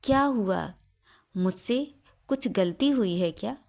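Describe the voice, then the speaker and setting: A woman's voice: mid-range voice, expressive, takes it slowly, gravelly, darkish tone. Lady doing a sweet worried young bahu, polite and pleading. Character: gentle worried young daughter-in-law.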